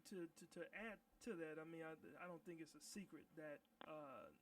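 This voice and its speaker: A man hosting a radio interview, talking conversationally with lots of fillers and lively anecdotes. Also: fairly high pitch, fairly quick, recorded from a distance, slight background noise, low-quality recording. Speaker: radio host.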